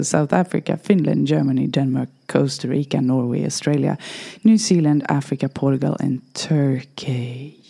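Woman, motivational podcast host, hoarse and mellow, slow delivery with soft whispered asides. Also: deep voice. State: voice going hoarse. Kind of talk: motivational solo podcast talk.

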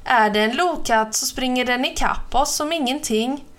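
A woman voicing a calm, cocky boy who brushes off his friend's fear. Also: high voice. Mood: laid-back cocky. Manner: laid-back, dismissive.

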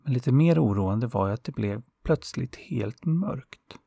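A man tells a folktale in a calm, unhurried way, with the odd small filler. His voice has a strong gravelly fry and a husky grain. The recording is dry and close. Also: mid-range voice, no echo. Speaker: storyteller. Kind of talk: oral folktale narration.

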